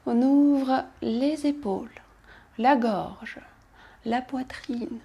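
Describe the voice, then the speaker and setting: A woman instructor calmly guiding a pilates class, cueing movements and counting, with soft whispered asides. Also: high voice, very slow, vocal fry, breathy edge, dull audio. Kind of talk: guided exercise class instruction.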